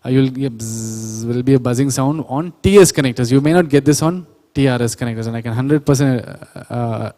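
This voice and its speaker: A man's mellow, mid-range voice moves a little fast with hardly any pauses, followed by a long reverb tail in a church hall or auditorium. Lecturing a workshop on sound engineering, he explains step by step, self-corrects, and quizzes the audience.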